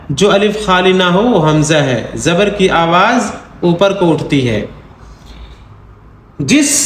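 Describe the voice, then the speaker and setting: A man with a high voice teaches in an online lesson, his words ringing in a roomy space. He drills the letters slowly and patiently, repeats each sound, and often asks whether the learners follow. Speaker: Quran reading teacher.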